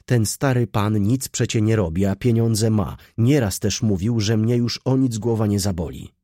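A man's voice: on the low side, moderate pace, warm tone, no echo, studio quality, voice pushed up, close to an everyday voice. A man voicing a cynical, poor nineteen-year-old girl who talks in a pert, mocking, argumentative way. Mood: brash, chatty.

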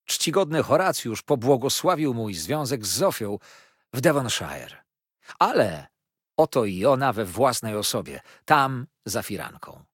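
A man's voice: mid-range voice, very animated, a little slow, breathy edge, dry recording, clean studio sound. A man voicing an effusive young male lawyer who gushes and fires off questions, as a storybook reader. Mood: eager. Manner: gushing, breathless, showers questions.

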